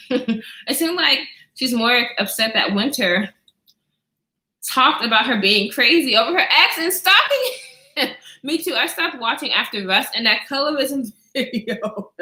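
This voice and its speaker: Sassy woman vlogger, animated delivery, blunt takes, roomy echo. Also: on the high side, unhurried. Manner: blunt, sassy, laughs often. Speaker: vlogger reacting to viewer comments. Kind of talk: casual chatty commentary.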